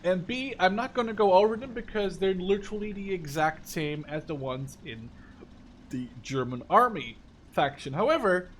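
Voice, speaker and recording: A Dutch gaming video creator in his twenties gives a rambling, enthusiastic, informal overview of a game. His high-sitting voice is expressive at normal speed, with clear background noise.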